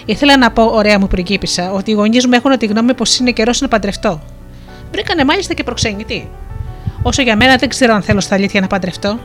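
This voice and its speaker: A shy, well-mannered young fisherman in a storybook, as a woman narrator reads him. He speaks softly and politely. Quiet music sits faintly behind. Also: on the high side, expressive, close to an everyday voice. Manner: soft-spoken and courteous.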